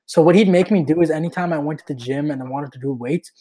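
A man's voice: a little high, quick pace. Laughing young man telling stories. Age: young adult. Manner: storytelling, laughs mid-sentence, trailing soft. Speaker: podcast co-host. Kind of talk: casual chat.

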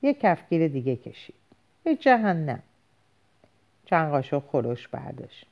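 A woman reads a novel aloud in a low, dark voice. Her reading is measured and dramatic, and her pitch rises and falls with the story. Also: expressive, vocal fry. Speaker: audiobook narrator.

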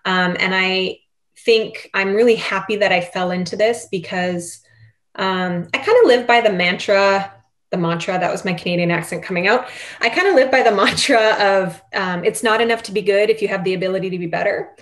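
A woman's voice: mid-range voice, fairly quick, a bit bright. A woman teacher talking about her seven years of teaching in an earnest, reflective way, with light laughs. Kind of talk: casual interview chat.

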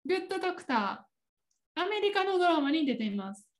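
A woman's voice: very high voice, big pitch swings, fairly quick. A woman with a Kansai Japanese accent chatting casually on a podcast, laughing often as she explains. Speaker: podcast co-host. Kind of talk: casual chat.

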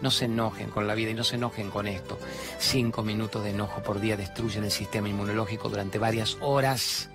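Animated Argentine man preaching self-help. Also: on the low side, brisk, over music. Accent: Argentine Spanish. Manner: animated, preachy, acts out characters in stories. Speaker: self-help radio host. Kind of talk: motivational talk and storytelling.

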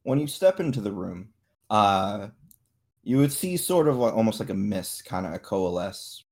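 A man with a fairly low voice runs a tabletop game. He improvises his narration and explains things haltingly as game master. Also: very animated, darkish tone.

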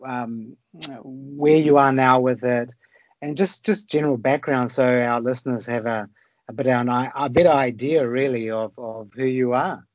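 A man's voice: mid-range voice, fairly even intonation, moderate pace, no room sound. A man hosting an interview over a call, talking in an upbeat, casual way and stumbling over repeated words. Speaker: podcast host. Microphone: remote call. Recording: dry, dull call audio.

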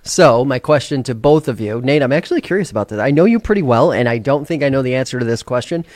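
A man's voice: mid-range voice, animated, fast, darkish tone, no room sound, clean studio sound. A man co-hosting a casual news and chat show, teasing his co-hosts playfully. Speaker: co-host.

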